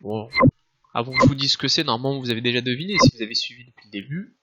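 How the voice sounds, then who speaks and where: A man teaching a screen-recorded software tutorial, explaining step by step with frequent restarts and filler sounds. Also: mid-range voice, expressive, rapid-fire, highs cut off. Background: soft background music.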